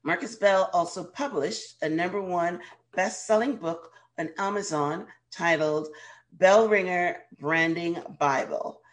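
A woman from Guyana, hoarse with a cold, speaking as a radio show host and life coach in an interview. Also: lowish voice. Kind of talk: interview hosting.

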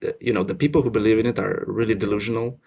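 A young man from Russia, raised in Finland, talking as a podcast guest in a relaxed, self-deprecating way with many restarts. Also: on the low side, rapid-fire, creaky, husky. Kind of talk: casual interview chat.

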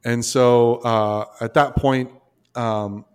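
Man, casual storytelling, animated, restarts and asides, mid-pitched voice. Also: takes it slowly, clear, resonant tone. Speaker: podcast guest.

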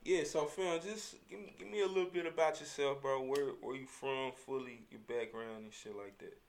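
A man's voice: medium pitch, normal speed. A man hosting a casual podcast conversation, talking in heavily slangy, profane street language. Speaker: podcast host.

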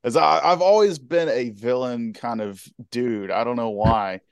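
A man in his twenties, guest in a casual interview, talking in an easygoing, halting way. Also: medium pitch, clear, resonant tone, dry recording, clean studio sound. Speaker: guest Twitch streamer and cosplayer.

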